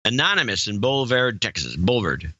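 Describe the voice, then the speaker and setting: Bright and forceful, with a lowish pitch and big swings, this podcast co-host's voice comes through a dry, lo-fi recording. In casual chat, he works haltingly through a long donor list, tripping over how to say names and cracking jokes in between.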